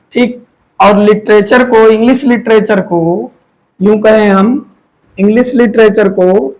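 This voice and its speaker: A man's voice: high-pitched, rough recording. A man teaching, who asks questions and answers them himself, often repeating key words. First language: Hindi. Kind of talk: classroom lecture.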